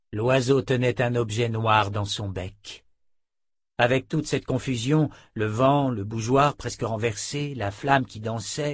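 Brief: steady male narrator reading a fantasy novel aloud, husky, dry studio sound. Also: mid-range voice, no echo. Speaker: audiobook narrator. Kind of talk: scripted fantasy audiobook narration.

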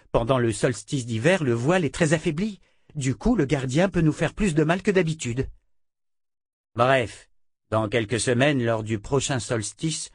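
A man's voice: medium pitch, darkish tone, dry recording, studio quality, natural voice. A man reading an audiobook, voicing a cheerful young male hero who speaks plainly and directly. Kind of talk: audiobook character voice.

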